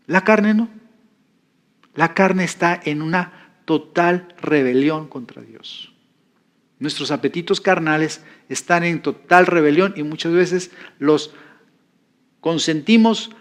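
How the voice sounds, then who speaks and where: A man's voice: on the high side, a bit bright. A man preaching in a teaching style, conversational and repeating key phrases for emphasis. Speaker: pastor teaching a class. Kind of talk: sermon teaching.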